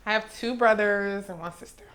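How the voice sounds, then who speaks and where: This woman in her twenties, a music artist from Maryland, USA, speaks at a medium pitch and a little fast. She's relaxing into an interview chat in a recording studio, telling stories and laughing easily.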